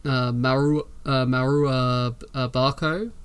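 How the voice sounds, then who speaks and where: A frightened nobleman, all stammering courtesy and barely hidden fear, as a man puts him on at a tabletop game. He trips over his words and keeps things painfully polite. The pitch sits right in the middle. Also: fairly even intonation, takes it slowly, smooth, lightly acted. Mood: nervous. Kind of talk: voicing a character in a tabletop game.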